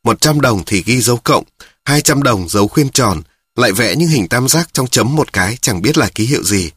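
A man narrating a story in a steady, matter-of-fact way. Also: medium pitch, moderate pace, husky, dry recording, clean studio sound. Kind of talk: audiobook narration.

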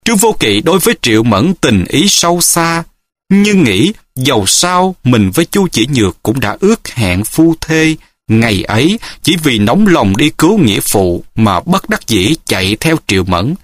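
A male narrator tells a martial-arts novel with an expressive, dramatic reading. His pitch rises and falls widely, and the recording is dry and close to the mic. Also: moderate pace, no echo. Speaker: audiobook narrator.

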